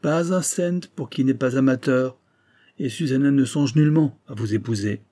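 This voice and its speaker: A man's voice: medium pitch, normal speed, dark tone, no room sound, studio quality, voice pushed up, natural voice. A man doing a curt, cold old billionaire. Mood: dismissive. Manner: curt, dismissive, clipped.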